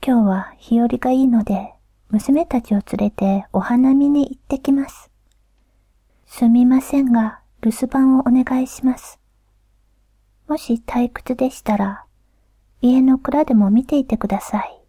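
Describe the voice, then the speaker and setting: A woman's voice: on the high side, fairly even intonation, a little slow, mellow, no echo. Woman whispering as a polite warbler-spirit mother. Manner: courteous, formal whisper.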